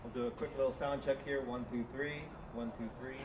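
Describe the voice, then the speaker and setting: A New York City man speaks as a guest at a live event, his mid-range voice fairly even and a little fast. He's casual, loose and self-deprecating, leaning on his notes. The recording is dull, distant and echoey, with a noisy hall around him.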